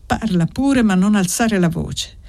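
A woman's voice: medium pitch, lively intonation, unhurried, vocal fry, darkish tone, no echo. A woman reading as a wary ironic old woman. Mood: anxious. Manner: pleading, ironic.

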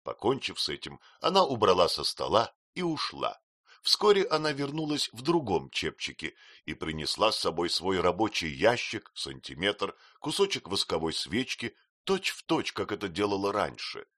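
A man narrating an audiobook with an expressive, animated reading. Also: low voice, normal speed, dry recording, studio quality.

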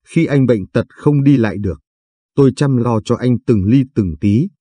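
A man's voice: mid-range voice, normal speed, husky, dry recording, close to an everyday voice. A man voicing a furious, heartbroken young wife who hurls accusations at her husband. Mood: enraged. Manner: shouting accusations.

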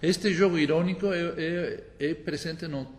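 A man's voice: on the high side, moderate pace, in a large hall. Hesitant man with a tongue. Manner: searching for words, many hesitations. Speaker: guest author. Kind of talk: radio interview.

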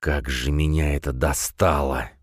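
A man voicing an angry, frightened lizard-man count who hisses and rasps his lines. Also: extremely low pitch, fairly even intonation, a little slow, dry recording, clean studio sound. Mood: hissing, resentful. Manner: hissing, hoarse.

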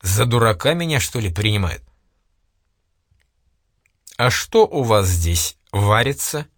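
A man's voice: lowish voice, big pitch swings, takes it slowly, a bit bright, no echo, clean studio sound, exaggerated voice. A man reading aloud, voicing a stern aristocratic official who questions and commands.

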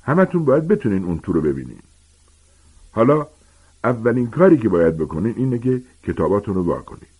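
A man voicing a huge, gentle, clumsy half-giant teacher, with loud, hearty, colloquial speech in a husky voice. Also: fairly low pitch, very animated, phone-quality sound.

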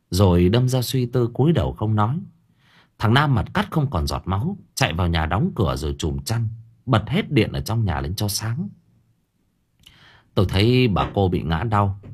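A man reading a first-person audio story in a lively, colloquial way. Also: lowish voice, breathy edge. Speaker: narrator.

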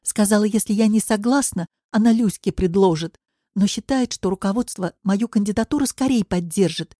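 A woman's voice: mid-range voice, moderate pace, warm tone, dry recording, studio quality, natural voice. A woman reading the part of a frustrated wife near forty in an audiobook, insistent and pleading. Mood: upset.

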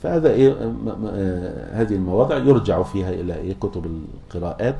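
Deep-voiced man teaching a class. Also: expressive, creaky, mellow. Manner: asks the class questions, chants verses slowly, hesitant restarts. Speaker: teacher of Quran recitation. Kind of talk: classroom lecture explaining a poem.

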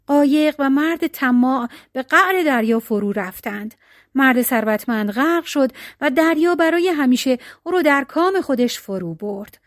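Female narrator for a storybook, high and animated, dry close sound. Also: no room sound. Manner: expressive, animated reading.

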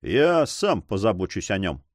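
A man voicing a stern, fatherly count in an audiobook, speaking quietly but commandingly. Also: on the low side, very animated, unhurried, no echo, clean studio sound.

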